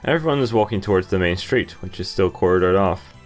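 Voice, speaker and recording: In a low voice with lively intonation, a young man talks briskly into his headset, reading a visual novel aloud and remarking on it casually. He's at a computer indoors, with game music in the background.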